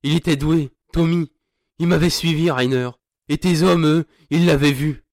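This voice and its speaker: A man's voice: on the high side, steady tone, normal speed, a little mellow, natural voice. An actor playing a grieving, vengeful sergeant who snarls, taunts and swears at his captive. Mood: anguished. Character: grieving vengeful male sergeant, furious, crude. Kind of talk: audio drama acting.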